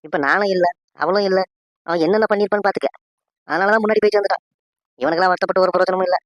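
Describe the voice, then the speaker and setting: A man's voice: sits high, steady tone, very fast, dry recording, natural voice. A man doing a scheming old wife. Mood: scornful. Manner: scolding, gossipy, bossy. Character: scheming older village wife, sharp-tongued. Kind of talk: cartoon voice acting.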